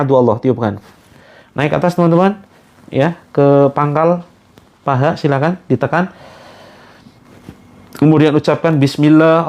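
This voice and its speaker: A man acting as a spiritual healing coach, calmly giving step-by-step instructions mixed with repeated Arabic invocations, and gently addressing his listeners as friends. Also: on the high side. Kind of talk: guided self-healing session with prayers.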